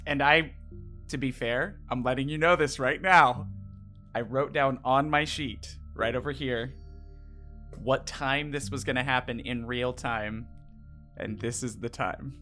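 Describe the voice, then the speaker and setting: Bright-voiced man as game master. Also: mid-range voice, fairly even intonation. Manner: halting, informal descriptions. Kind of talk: improvised narration of a tabletop game. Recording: music playing behind the voice. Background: background music.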